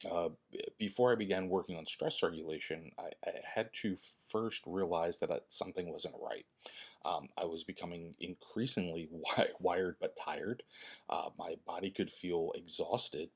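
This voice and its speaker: A man in his fifties talking to viewers in a personal vlog, earnest and halting, often restarting his words. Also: low voice. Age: 50s. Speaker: fitness channel creator and host.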